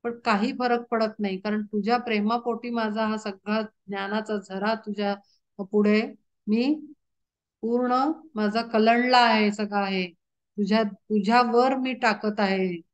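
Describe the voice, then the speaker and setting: Woman, group study leader on a video call at home, mid-pitched, slow verse recitation with quick casual commentary. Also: steady tone. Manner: moves between slow, sung recitation of verses and brisk conversational explanation. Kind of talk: explaining and reciting devotional verses.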